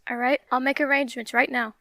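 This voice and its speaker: A woman playing a brisk, matter-of-fact female ship pilot who speaks over an intercom, with a gravelly voice. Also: high voice, level tone, sharp tone, dry recording, heavily acted.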